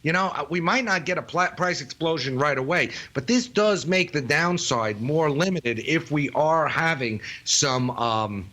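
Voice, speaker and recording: A man with a Brooklyn accent giving live market commentary as a guest analyst, in an emphatic, colloquial way with halting phrasing. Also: on the high side, expressive, pushed and bright.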